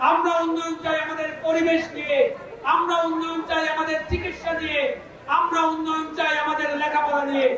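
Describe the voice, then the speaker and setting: Very high-voiced Bangladeshi man declaiming at a rally. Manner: declamatory, rhetorical questions to the crowd. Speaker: political party speaker at a rally. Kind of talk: political rally speech. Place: public rally, over loudspeakers. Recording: distant echoing PA, clear crowd noise.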